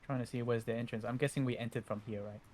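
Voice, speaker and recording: A man's voice: medium pitch, fairly even intonation, quick pace, darkish tone. A man playing a tabletop game, thinking aloud and hesitating as he decides where to go. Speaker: player. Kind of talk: casual tabletop play.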